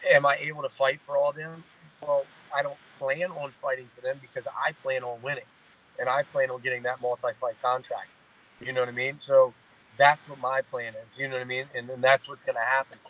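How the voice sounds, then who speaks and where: A man's voice: medium pitch, little pitch movement, a little fast, lo-fi sound. A man in his mid-thirties, a fighter, talking in a casual interview, rambling and repeating "you know what I mean". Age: 30s. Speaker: guest fighter.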